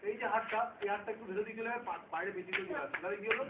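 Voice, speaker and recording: Racing along in a high-sitting, expressive voice, a man leads a live self-defence demonstration, frequently making sure his students keep up. The sound is distant and roomy, phone-like, and heavily noisy.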